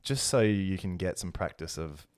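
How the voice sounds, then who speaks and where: Teasing Australian man, low and dry. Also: lively intonation, moderate pace, dry recording. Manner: teasing, laughs often, quizzing his co-host. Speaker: podcast co-host. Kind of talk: casual podcast banter.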